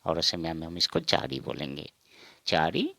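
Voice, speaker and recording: A man with a very low, gravelly voice teaches numbers at an unhurried pace. He repeats every word and asks and answers his own questions. The sound is dry and close. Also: wildly swooping pitch, pushed and bright, no room sound. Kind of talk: slow spoken counting lesson.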